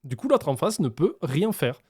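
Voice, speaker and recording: Sarcastic streamer, slightly high voice. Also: male voice, very animated, moderate pace, warm tone, slightly rough. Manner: sarcastic, mocking, swears freely, laughs often; acts out scenes in other voices. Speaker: streamer reacting to a show. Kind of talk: casual reaction commentary.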